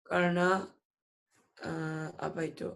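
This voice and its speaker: A young student answering quiz questions in a tajwid lesson. The delivery is slow and flat, with little rise or fall. Answers come short and hesitant, and he often corrects himself partway through. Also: mid-range voice, gravelly.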